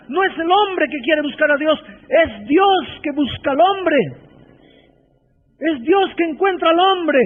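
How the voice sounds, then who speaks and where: A man, a pastor, preaching a sermon with fervent, slow and stressed phrases. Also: very high-pitched. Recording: tinny phone-like sound with faint background noise.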